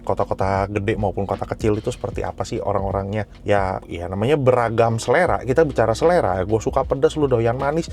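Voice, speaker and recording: A man's voice: lowish voice, fast, few pauses, darkish tone. A man hosting a car audio review in casual, slangy chat. He is emphatic, and his voice jumps up sharply when he makes a point.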